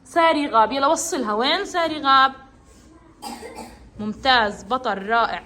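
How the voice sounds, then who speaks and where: Lady teacher, high-pitched, cheering kids on in class, bit of room noise. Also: normal speed, pushed and bright. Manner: encouraging, praising, calls on children by name. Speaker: kindergarten teacher. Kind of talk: classroom reading game with children. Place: classroom with children.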